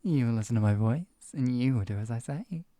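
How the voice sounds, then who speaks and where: A performer voicing a teasing, possessive villainous hypnotist in a soft, breathy ASMR role-play, coaxing and lulling a captive pet. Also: medium pitch, animated, a little fast, dry recording, natural voice. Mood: teasing, commanding. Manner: soft coaxing murmur slipping into close speaks softly.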